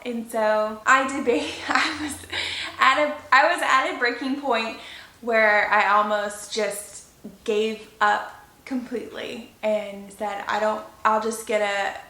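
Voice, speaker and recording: An American woman in her thirties speaking in an emotional, confiding, halting way, as in a casual personal vlog update. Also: on the high side, bright, forceful tone. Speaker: content creator, channel host. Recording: roomy echo.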